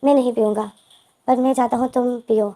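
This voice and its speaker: A woman voicing a tearful, gentle young man in a storybook retelling, who speaks softly, hesitantly and apologetically. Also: on the high side, fairly even intonation, fairly quick, lightly acted.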